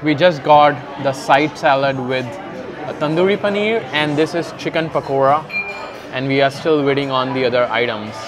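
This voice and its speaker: With a mid-range voice at normal speed, a young food vlogger narrates casually into a clip-on mic. He tastes and chews each dish in a restaurant dining room and describes it, crowd chatter audible behind him.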